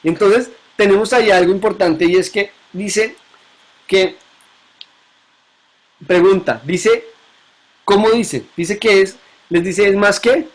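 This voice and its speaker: A male teacher leads a classroom Bible lesson. His voice sits somewhat high, and he keeps asking his students questions and repeating the key points back to them. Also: takes it slowly, long pauses.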